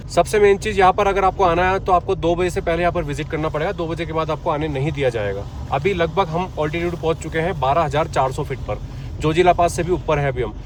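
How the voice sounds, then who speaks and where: Excitable male road-trip vlogger. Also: on the high side, slight background noise. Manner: excited, chatty, addresses viewers as friends. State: short of breath at altitude. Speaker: travel vlogger. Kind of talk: travel vlog narration while driving. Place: inside a car on a mountain road.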